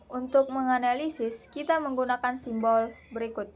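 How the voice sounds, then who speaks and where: Young woman from Indonesia, student presenter, slightly high voice, measured read-aloud lesson delivery. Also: steady tone, a little mellow. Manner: measured, deliberate reading with pauses.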